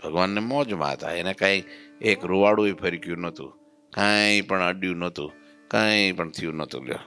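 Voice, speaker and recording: Male preacher telling a devotional story, chants verses, quizzes listeners, soft music under him. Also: sits low, a little fast, clear, resonant tone. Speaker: religious preacher. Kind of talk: devotional katha sermon.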